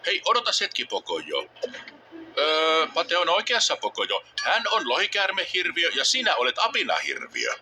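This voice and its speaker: A man's voice: on the high side, huge pitch swings. A man narrating a dubbed children's cartoon in a playful, coaxing way, talking to the characters and to the young viewers. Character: cheerful friendly adult male cartoon narrator. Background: loud cartoon music.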